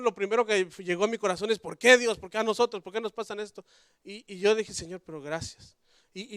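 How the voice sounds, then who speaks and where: A man preaching a sermon in church, conversational, moving between loud emphasis and quiet asides. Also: high voice, smooth, no echo, clean studio sound. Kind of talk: sermon with personal story.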